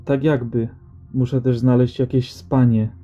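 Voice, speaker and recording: A man's voice: medium pitch, flat delivery, unhurried, natural voice. A man voicing a weary young male refugee who gives short, reserved replies. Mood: wary. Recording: slightly dull audio with faint music.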